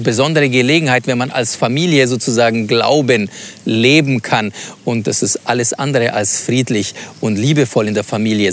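Reflective man teaching on a Bible passage. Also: mid-range voice. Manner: reflective, asks open questions. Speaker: preacher.

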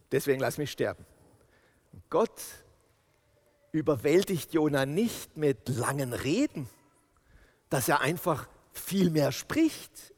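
A man preaching a sermon, telling the story with lively sound effects and acted-out lines. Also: a little high. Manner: animated storytelling, acts out quotes. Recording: long reverb of a large hall.

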